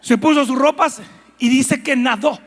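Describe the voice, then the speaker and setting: Man, preacher, very high voice, gravelly, animated storytelling. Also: moderate pace. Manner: animated storytelling, asking the listener questions. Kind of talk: sermon.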